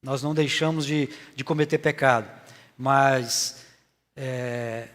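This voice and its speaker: A Brazilian man, a church elder, preaching a sermon in an earnest, halting way with frequent filler pauses. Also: mid-range voice, steady tone, fairly bright tone. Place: church sanctuary. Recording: long reverb of a church hall.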